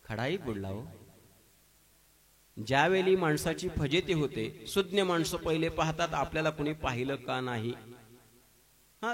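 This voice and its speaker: A man's voice: fairly high pitch, fairly bright tone. A man with a Marathi accent preaching a devotional sermon at a temple gathering, telling stories with humor and emphatic exclamations. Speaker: kirtan preacher.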